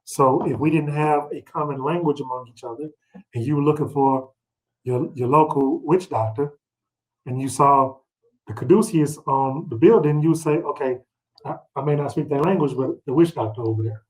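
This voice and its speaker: On poor audio, a middle-aged man with a fairly high, darkish voice teaches scripture at a moderate pace. As he leads the read-along, he keeps things conversational and colloquial, adding personal anecdotes and rhetorical questions for his listeners.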